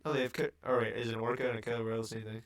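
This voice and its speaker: A young man in his late teens chats casually as a podcast co-host. He rambles and stacks fillers as he talks, at an everyday mid pitch. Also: rapid-fire. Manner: rambling, filler-heavy, loose and animated. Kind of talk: casual chat.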